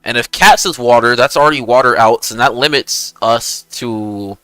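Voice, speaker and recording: A man's voice: medium pitch, moderate pace, fairly bright tone, clean tone, no echo, low-quality recording. A young man chatting casually on a game livestream in hyped gamer-bro slang, swearing freely. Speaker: game streamer. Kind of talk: casual livestream chat and gaming commentary.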